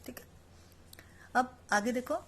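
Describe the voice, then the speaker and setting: A woman's voice: sits high, expressive, takes it slowly. A woman teaching a Sanskrit lesson online, explaining each word and then repeating it, asking the class questions and answering them herself.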